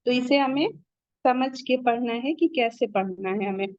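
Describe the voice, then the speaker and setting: A woman's voice: on the high side, darkish tone, no room sound, dull audio. A woman teaching a Tajweed lesson. She speaks patiently, repeats each point, and models sounds syllable by syllable. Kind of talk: online Quran recitation lesson.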